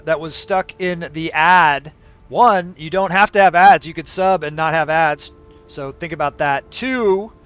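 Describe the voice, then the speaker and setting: A man's voice: sits high, a bit bright, clear, resonant tone. Game stream host: middle-aged man, casual chat, dull lo-fi mic, light background music. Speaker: livestream host.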